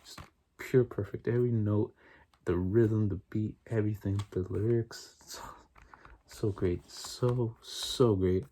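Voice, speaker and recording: A young adult man doing a fast, aggressive ASMR ramble in a casual, repetitive, enthusiastic way. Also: lowish voice, steady tone, warm tone. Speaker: ASMR video creator. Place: small bedroom, indoors. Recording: noisy room, clicking and tapping. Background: tapping and clicking on CD cases.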